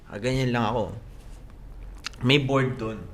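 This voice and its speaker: Young man, Filipino accent, casual podcast chat, animated, acts out dialogue. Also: medium pitch, unhurried. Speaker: podcast co-host.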